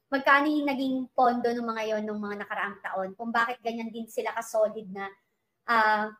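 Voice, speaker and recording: Brief: middle-aged woman guest, slightly high voice, emphatic and outspoken. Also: steady tone, normal speed, fairly bright tone, poor audio. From Philippines. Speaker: guest commentator. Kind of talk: casual political chat.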